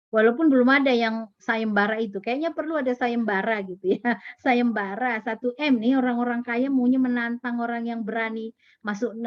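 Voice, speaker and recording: A woman with a high voice gives a religious lesson to parents. She explains step by step, repeats key words and asks rhetorical questions. The sound is dry and somewhat dull. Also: no room sound. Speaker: religious teacher at a parenting class. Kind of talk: Islamic study lesson.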